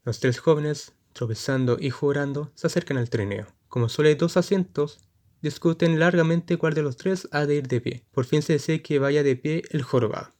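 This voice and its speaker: A man narrating a short story in a measured, descriptive reading. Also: on the high side, darkish tone.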